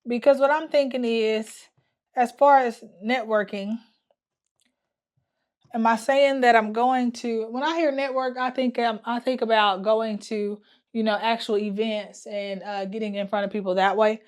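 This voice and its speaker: Chatty woman thinking aloud, fairly high. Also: steady tone, measured pace. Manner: chatty, thinking aloud with many fillers and restarts; hums to herself while working at the wall. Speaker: travel business owner vlogger. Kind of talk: casual talking-to-camera planning vlog.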